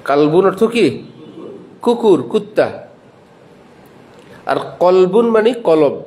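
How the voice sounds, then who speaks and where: A man preaching a religious lecture in a Bangladeshi Bengali accent. He is a madrasa principal who asks his listeners questions, answers them himself and spells out letters and sounds slowly. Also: high voice, big pitch swings, a little mellow.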